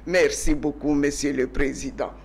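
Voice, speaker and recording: An older woman from Congo, a guest telling her story in a TV interview, emphatic at times and dropping to soft murmurs at others. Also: deep voice, fairly even intonation, moderate pace, vocal fry, a little hiss or hum.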